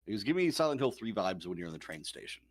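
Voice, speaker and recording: A man's voice: sits low, sing-song, rapid-fire. A man giving casual co-commentary on a video game stream. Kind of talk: casual gameplay chat. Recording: loud game gunfire behind voice. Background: video game gunfire and ambience.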